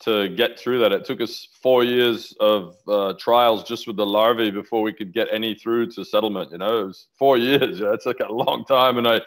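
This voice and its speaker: Talking a little low-pitched and steady at a normal pace, this middle-aged man barely pauses. He's an aquaculture researcher appearing as a guest in a casual interview over video call, using a headset from his home office. He rambles enthusiastically about his work, often restarting.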